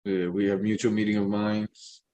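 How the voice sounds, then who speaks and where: A middle-aged man with a fairly low voice in a casual discussion. He talks colloquially, with street slang, often repeating a phrase while he builds an example. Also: little pitch movement, warm tone. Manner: halting, repeats words, explains with examples.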